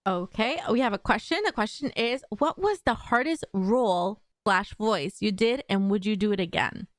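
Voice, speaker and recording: A woman's voice: medium pitch, expressive, moderate pace, dry recording, studio quality. A woman host reading out viewer questions and comments during a live interview, laughing often between lines. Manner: giggly, reads comments aloud. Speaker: channel host.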